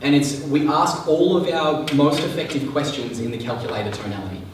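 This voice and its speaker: A man's voice: medium pitch, animated, a little fast, a little hiss or hum. A male sales trainer teaching a live seminar, chatty and often checking that the audience is following. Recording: echoey room, mic far off.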